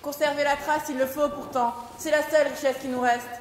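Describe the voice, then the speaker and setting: High-voiced sorrowful captive played by a young woman. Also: fairly even intonation, brisk, natural voice. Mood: sorrowful, insistent. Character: sorrowful, resolute captive woman bearing witness. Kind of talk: stage tragedy chorus. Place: large theater stage. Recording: distant echoey theater, faint noise.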